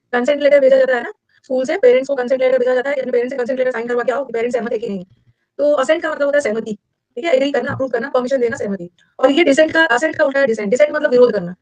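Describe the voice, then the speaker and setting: Indian woman, exam tutor, brisk and chatty, dry muffled mic. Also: sits high, dry recording. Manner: fast, chatty, switches between Hindi and English. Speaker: English teacher for competitive exams. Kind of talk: live online class.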